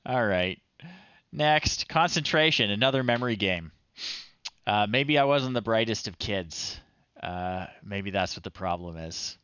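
Sitting close to the mic in a small indoor livestream setup, this middle-aged retro game streamer wryly reads screen text aloud while casually commentating his live game. His lowish voice is animated and unhurried, pushed and bright with a clean tone. There's no echo, though the sound is lo-fi.

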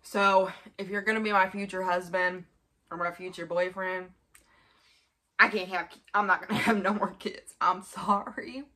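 A twenty-five-year-old woman films a mukbang in a small indoor bedroom, talking casually and ramblingly to a camera a short distance in front of her and often repeating herself. Her mid-range voice is steady, pushed, and bright, at a moderate pace.

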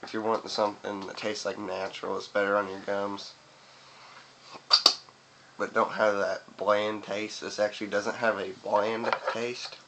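Chewing tobacco as he talks, a young man rambles and swears casually to the camera, a little slowly and in a level tone, his voice on the low side. He's a video reviewer recorded in a small room by a window, and the webcam-style audio is noisy.

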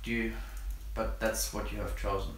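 A young man from Germany interviewing his father in a casual, relaxed way, with halting questions and fillers. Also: fairly low pitch, a little hiss or hum. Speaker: interviewer, channel host. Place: living room by a tiled stove. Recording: very echoey room from a distance.

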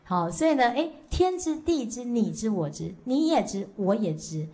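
A woman's voice: fairly high pitch, big pitch swings, mellow. A woman Buddhist teacher giving a dharma lecture to a class, telling stories and tagging her sentences with short fillers. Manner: storytelling with frequent "好" and "哦" tags; slow measured chanting leader at the close.

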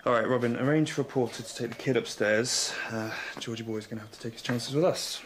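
A man's voice: medium pitch, fast, a little hiss or hum, lightly acted. A man in his thirties playing a confident, pragmatic hospital registrar in a medical drama, casual and self-assured. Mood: earnest, insistent. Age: 30s. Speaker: lead registrar. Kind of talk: filmed medical drama acting.

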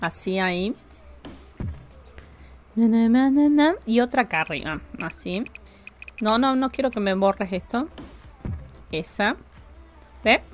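A woman's voice: fairly high pitch, expressive, slow pace, pauses often, faint music behind. A woman with a Rioplatense Spanish accent, chatting casually with her live-stream chat while building in a game, jokey and talkative.

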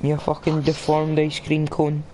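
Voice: medium pitch, monotone, measured pace, mellow, slight background noise. A streamer with a Scottish accent, bantering casually over a game with cheeky, slangy teasing. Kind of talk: casual banter while gaming on a livestream.

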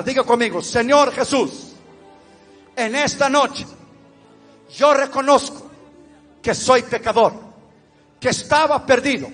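A man preaching an altar call, pleading with listeners and then praising loudly. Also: very high voice. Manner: pleading, then exultant and shouting. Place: large church hall. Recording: reverberant hall with music and congregation.

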